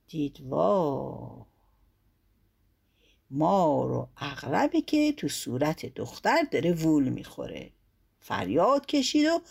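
Husky woman telling a folk tale. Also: deep voice. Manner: lively spoken narration with voiced quotes. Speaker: storyteller.

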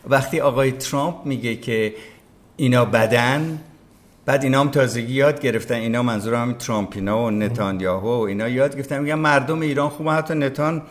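Emphatic, opinionated male broadcaster. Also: medium pitch. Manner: emphatic, opinionated, acts out quoted speech. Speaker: podcast guest, veteran broadcaster. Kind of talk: casual conversation.

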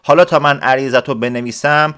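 A man voicing a calm, shrewd, kindly male letter-writer who questions patiently in a storybook reading. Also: medium pitch, clear, resonant tone, natural voice. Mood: patient, coaxing. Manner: patient, coaxing.

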